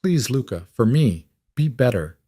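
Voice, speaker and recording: A man's voice: mid-range voice, sing-song, measured pace, mellow, dry recording, clean studio sound, voice pushed up. A man voicing a frightened young female graduate student, pleading and shaken.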